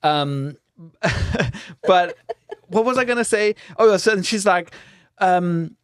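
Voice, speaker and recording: Lively South African man telling stories. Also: high voice, slow pace, smooth, no room sound, studio quality. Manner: animated storytelling, acting out both sides of a conversation. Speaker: podcast co-host. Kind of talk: casual chat. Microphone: studio microphone.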